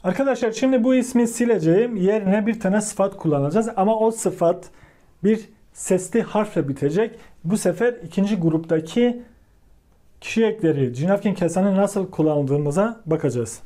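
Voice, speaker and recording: Man, high-pitched, mellow tone, patient teacher, slow repetition of each form. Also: lively intonation. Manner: repeats words slowly, drills each form, keeps addressing viewers. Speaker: language teacher. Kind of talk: step-by-step grammar lesson.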